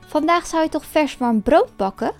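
A woman's voice: high-pitched, expressive, normal speed, soft background music. A woman voicing an old peasant farmer in a told folk tale, speaking bluntly and matter-of-factly.

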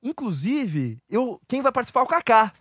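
Animated Brazilian man telling a story. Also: extremely high pitch, no echo, studio quality. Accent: Brazilian Portuguese. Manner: lively storyteller, heavy slang, quick asides. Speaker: podcast guest.

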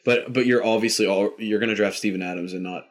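A man's voice: on the low side, fairly even intonation, fast talker. A young man talking casually with a friend, his speech loose and full of fillers. He breaks into laughter often while rambling through stories. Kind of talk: casual chat.

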